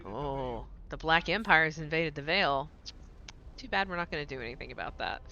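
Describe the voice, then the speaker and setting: A chatty woman streamer talks her way through a game, rambling and laughing as she goes. Her voice sits a little low but sounds bright and forward, and the stream audio comes through dull and lo-fi. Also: animated, moderate pace. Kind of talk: casual gaming stream chat.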